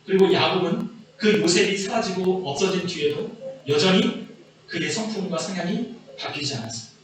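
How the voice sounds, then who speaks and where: A man's voice: high-pitched, fairly bright tone. A man preaching a sermon as pastor, earnestly stressing his points. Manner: earnest preaching, voice rising and falling with emphasis. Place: church sanctuary. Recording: echoey church hall from far off.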